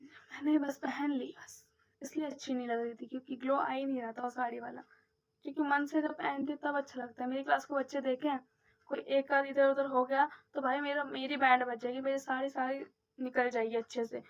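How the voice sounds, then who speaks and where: High-voiced chatty woman teacher vlogging. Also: brisk. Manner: animated, mimics others' voices in anecdotes. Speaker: primary school teacher. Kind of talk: casual storytelling vlog. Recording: slightly dull lo-fi audio.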